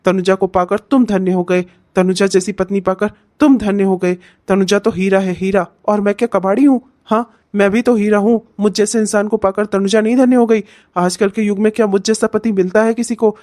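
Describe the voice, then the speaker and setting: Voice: medium pitch, fairly even intonation, a little fast, hardly any pauses, darkish tone, natural voice. A performer voicing a jealous young husband in a cartoon, sulky and complaining that no one praises him. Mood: irritated. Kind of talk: cartoon voice acting.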